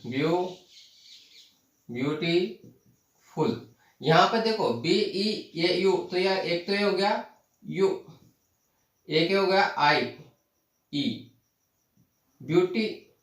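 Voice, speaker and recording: A man teaching a lesson, explaining terms slowly, repeating them and asking the class questions. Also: sits high. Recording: echoey room, voice from far off the mic.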